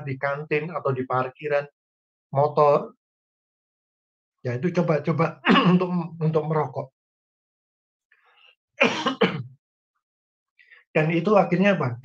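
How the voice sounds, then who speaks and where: Male pastor delivering a sermon, slightly high voice, folksy asides, recorded on muffled lo-fi audio. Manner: addresses congregation directly, folksy humorous examples. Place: church online service.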